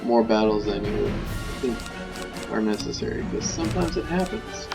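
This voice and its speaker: A man's voice: on the low side, expressive, normal speed, vocal fry. A man giving casual, offhand let's play commentary as he plays a video game. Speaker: gaming video host. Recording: game music behind the voice.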